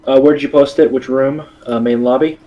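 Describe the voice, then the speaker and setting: A man from South Texas chats on the stream in a relaxed, easygoing way. His voice sits at a middle pitch, and his banter stays casual. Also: a little fast, lo-fi sound. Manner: easygoing, laid-back banter. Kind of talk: casual chat.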